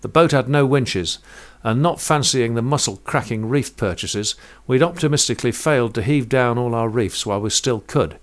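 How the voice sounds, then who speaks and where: A man narrating a first-person sea story in a vivid, measured way, rich with sailing terms. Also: mid-range voice.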